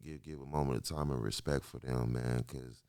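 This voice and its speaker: A man in his late thirties from Kansas City, a musician guest telling stories in a slangy, animated way. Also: rumbling low, fairly quick, smooth, no echo, studio quality. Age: 30s. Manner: slangy, repetitive, animated storytelling. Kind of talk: casual interview chat.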